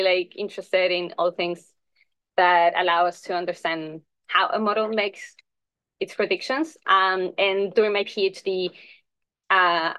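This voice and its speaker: A young woman from Chile presents her research in a relaxed, filler-heavy way. The recording is dry and close, with almost no room sound. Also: mid-range voice, smooth, no echo. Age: young adult. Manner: casual, many fillers like "like" and "um". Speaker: visiting PhD researcher presenting a talk.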